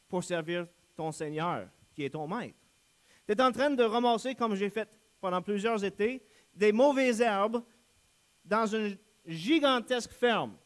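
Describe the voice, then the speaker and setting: A young man preaches a sermon as a guest pastor, his voice sitting high for a man. He drives each point home with earnest, emphatic repetition and now and then stops to correct himself mid-phrase. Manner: earnest, emphatic preaching with repeated refrains and a few self-corrections.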